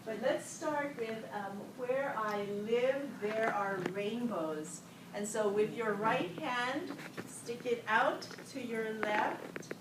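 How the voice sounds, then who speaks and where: A woman's voice: a little high, takes it slowly. A woman from Hilo, Hawaii, teaching a group the motions to a song and leading call-and-response greetings in an upbeat way. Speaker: hula and song instructor. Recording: roomy, far from the mic, noisy.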